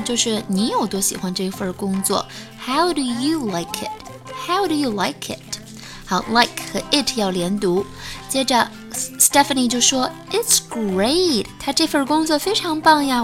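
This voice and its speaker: Higher-voiced woman teaching English phrases. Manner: repeats English phrases slowly and carefully as pronunciation models. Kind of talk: spoken English lesson explained in Chinese.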